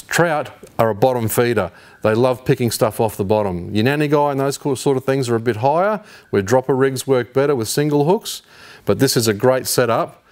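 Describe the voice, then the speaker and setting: A man in his fifties with an Australian accent, hosting a fishing tutorial in a garage workshop and explaining each step in a relaxed, slangy way. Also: mid-range voice. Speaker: fishing channel host. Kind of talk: hands-on tutorial. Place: indoor garage workshop with shelves.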